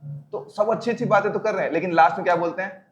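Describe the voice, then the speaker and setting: Man preaching to a youth crowd, conversational, questions the listeners, higher voice, dull sound. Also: fast talker, slight background noise. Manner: conversational Hindi mixed with English words, asks the crowd questions. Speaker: spiritual speaker. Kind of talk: lively Gita talk to a youth group. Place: gathering with a crowd present. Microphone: microphone on a sound system.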